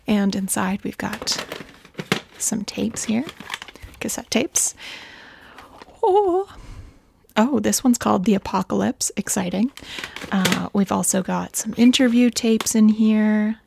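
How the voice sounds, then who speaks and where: A woman recording a casual audio diary at home on a handheld mic, talking softly and often slipping into a whisper. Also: medium pitch, steady tone, measured pace, creaky, noisy background. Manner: soft, often slips into a whisper. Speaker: podcast host.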